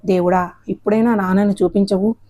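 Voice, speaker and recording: A woman's voice: medium pitch, steady tone, a little fast, dark tone, highs cut off, close to an everyday voice. A woman voicing a tearful young daughter who pleads plaintively. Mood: pleading. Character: young adult daughter, tearful and longing for her father.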